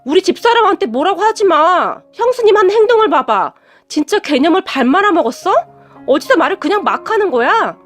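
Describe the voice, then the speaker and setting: A woman's voice: high voice, big pitch swings, a little fast, faint music behind. A woman voicing an angry, blunt young husband in a storybook tale. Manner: blunt, shouting.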